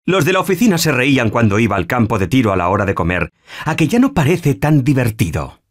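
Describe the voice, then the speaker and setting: A man with a Castilian Spanish accent playing an anxious everyman zombie-apocalypse survivor in a video game, emotive and slangy, with a husky voice. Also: mid-range voice, very animated, fast talker. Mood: casual.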